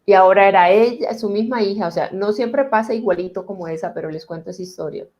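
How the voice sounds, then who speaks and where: A woman therapist speaks in a calm, deliberate way, at a medium pitch. She explains things conversationally and slows down when she guides listeners through a healing exercise. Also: highs cut off.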